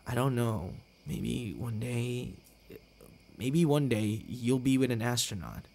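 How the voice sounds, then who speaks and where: In an intimate ASMR roleplay, a man plays a tender, heartbroken young boyfriend, stammering haltingly and sighing. His medium-pitched voice carries vocal fry and a darkish tone, and his mood is wistful and self-deprecating.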